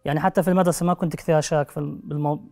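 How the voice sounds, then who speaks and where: Fast-talking young man who can't pronounce his r. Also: a little high, steady tone, a little mellow. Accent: Levantine Arabic. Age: young adult. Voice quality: speech impediment on the r sound. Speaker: guest. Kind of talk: personal interview. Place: TV studio. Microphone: lapel.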